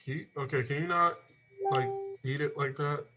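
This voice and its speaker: A man's voice: a little high, steady tone, normal speed, noisy background. A man co-hosting a podcast in casual chat, blunt and swearing casually. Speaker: podcast co-host.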